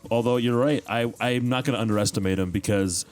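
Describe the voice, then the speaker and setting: A man's voice: medium pitch, steady tone, fast, soft background music. A young man co-hosting a podcast, laid-back and joking in profane casual chat. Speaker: podcast co-host. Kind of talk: casual chat among friends.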